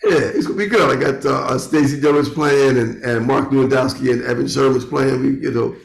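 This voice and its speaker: A man's voice: medium pitch, fairly quick, creaky. A middle-aged man chatting casually from a home studio, circling back and repeating phrases as he reasons. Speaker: musician, guest. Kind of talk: casual chat. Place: bedroom turned home studio. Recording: roomy, echoing internet call audio.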